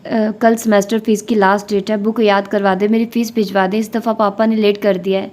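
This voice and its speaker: A woman's voice: medium pitch, little pitch movement, darkish tone, lightly acted. A woman reading the lines of a frustrated young woman student in an audiobook novel. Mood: demanding.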